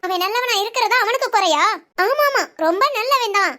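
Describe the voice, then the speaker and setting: A performer voicing a bitter, defiant young bride who answers in sharp, curt retorts. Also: very high-pitched, animated, brisk, heavily acted.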